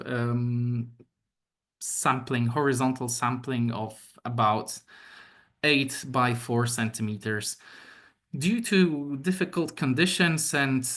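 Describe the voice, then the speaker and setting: A young man from Poland, a native Polish speaker with a Polish accent, gives an online academic seminar talk. His medium-pitched voice is a bit bright, and his speech has many pauses, fillers and repeated words.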